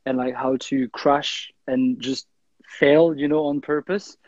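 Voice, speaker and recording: A man's voice: mid-range voice, little pitch movement, takes it slowly, a little mellow, no echo, muffled recording. A young man from Switzerland, chatting casually as an interview guest, full of fillers and restarts. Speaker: guest, freerunner and kendama player.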